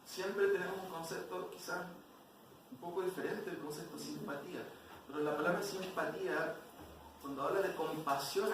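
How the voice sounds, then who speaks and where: A man teaching an expository Bible class, often asking the class questions. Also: on the high side. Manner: questions the class, frequent "¿cierto?". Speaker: Sunday school teacher. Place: church hall. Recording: very echoey church hall from far off, noisy.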